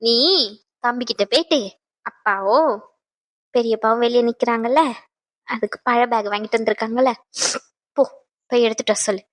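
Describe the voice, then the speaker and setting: An actress playing a patient married daughter who calmly pleads with her mother, in a serial drama. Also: high-pitched, normal speed. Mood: soothing, pleading. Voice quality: soft, pleading, placating.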